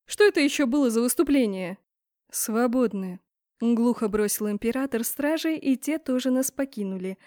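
A woman reads a first-person fantasy story aloud with lively expression and a fairly high voice. The recording is close and dry, with no room around her. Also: dry recording. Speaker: audiobook reader.

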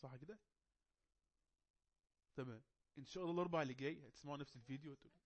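A man with an Egyptian Arabic accent running an online English class, coaxing and teasing quiet students to speak up. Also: fairly high pitch, rapid-fire, dull audio. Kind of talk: casual online class moderation.

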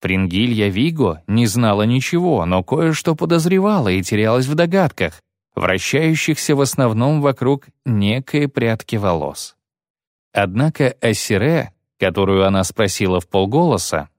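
A man reading an audiobook with expressive narration. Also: medium pitch, no room sound, clean studio sound. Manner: expressive storytelling. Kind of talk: scripted narration.

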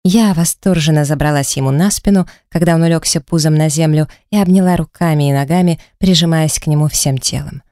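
A woman reading a first-person romance story aloud in a steady storytelling voice. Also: fairly quick, hardly any pauses, no room sound, clean studio sound. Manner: steady storytelling, livelier and higher in the heroine's quoted lines. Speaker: audiobook reader. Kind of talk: scripted first-person narration.

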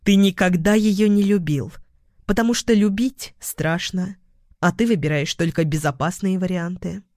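A man's voice: sits high, normal speed, darkish tone, dry recording, clean studio sound. A man reading the lines of a cold, composed young woman psychologist who answers in a cutting, level way.

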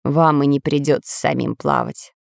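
A woman voicing an old male professor who explains things calmly and reassuringly. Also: a bass voice, moderate pace, creaky, no echo, studio quality, voice pushed down, full character voice. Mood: calm explaining. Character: calm, wise old male professor scientist.

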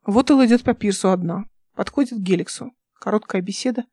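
A woman reading her own science fiction audiobook in steady, even narration on a close microphone. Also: mid-range voice, fairly quick, slightly rough, no echo. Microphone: home microphone, close.

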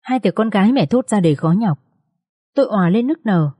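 A woman's voice: medium pitch, animated, fairly quick, dark tone, no echo, studio quality. A woman narrating an emotional first-person story as an audiobook reader.

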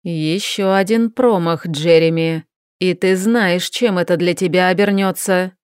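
A woman voicing a cold, menacing middle-aged male mage who talks in a slow, commanding way. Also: on the low side, clear, resonant tone, no room sound, studio quality.

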